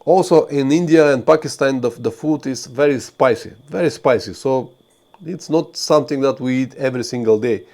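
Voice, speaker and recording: A Bulgarian man hosts a motorcycle travel channel's live stream, giving viewers earnest travel advice full of fillers and restarts. His voice sits at medium pitch, a little mellow, at normal speed.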